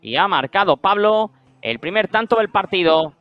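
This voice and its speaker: A man's voice: sits high, animated, moderate pace, dull audio. A man with a Spain Spanish accent giving live play-by-play of a beach football match in short descriptive phrases. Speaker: sports commentator.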